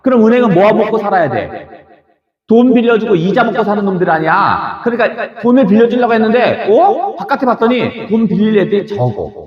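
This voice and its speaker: High, lively male lecturer in an echoey room. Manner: lively, fires rhetorical questions, acts out quick dialogues, chuckles often. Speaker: Korean language exam lecturer. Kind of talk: classroom lecture. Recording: echoey room, dull lo-fi sound.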